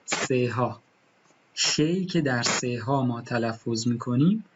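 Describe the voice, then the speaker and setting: A man teaching German pronunciation, patiently repeating each example word slowly. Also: mid-range voice, highs cut off, a little hiss or hum. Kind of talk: pronunciation lesson.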